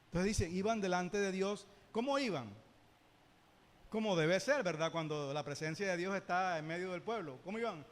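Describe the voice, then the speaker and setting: A man teaching a Bible lesson in church, lively, with joking asides and rhetorical questions. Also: high voice, normal speed, long reverb tail. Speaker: Sunday school teacher.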